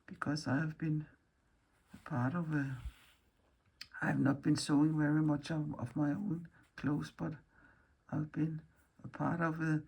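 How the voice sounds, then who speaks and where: A Danish woman, hoarse from losing her voice, chatting through a hands-on stitching tutorial, thinking aloud and correcting herself mid-sentence. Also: low voice, mellow. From Denmark. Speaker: embroidery teacher.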